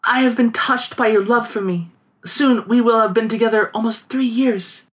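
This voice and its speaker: A man's voice: extremely high pitch, moderate pace, a bit bright, voice pushed up. A man voicing a sorrowful young widow who speaks in a plaintive, formal old-fashioned way. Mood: calm.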